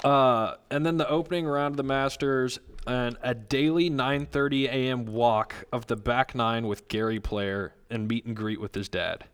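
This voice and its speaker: A man hosts a casual podcast and tells gossip in a loose, easygoing way. His voice is smooth and clear at a mid pitch. He swears freely as he goes. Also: fairly even intonation, moderate pace, few pauses, a bit bright. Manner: laid-back gossipy storytelling with cursing. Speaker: podcast host.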